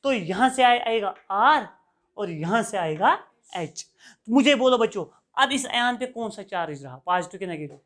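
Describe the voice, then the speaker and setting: A man lectures a class at normal speed in a high voice, repeatedly checking that students follow. His pattern is steady call-and-response: a question, the key term repeated, then his own answer.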